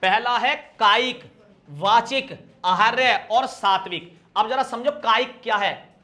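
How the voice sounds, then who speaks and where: A young man teaching a grammar lesson with a lively, teasing manner, asking his students questions and answering them himself, acting out small everyday scenes as he explains. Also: very high-pitched. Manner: acts out little everyday scenes in quick shifts of voice. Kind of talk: exam-prep grammar lesson.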